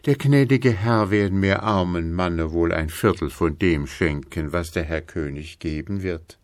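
A man's voice: low-pitched, measured pace, no room sound, studio quality. A man voicing a bowing, fawning rogue begging a share. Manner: obsequious, soft.

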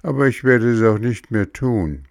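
A man's voice: medium pitch, lively intonation, normal speed, creaky, dry recording, studio quality, pitched above the performer's own voice. Bengele, a man voicing a sobbing puppet boy. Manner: tearful, pleading.

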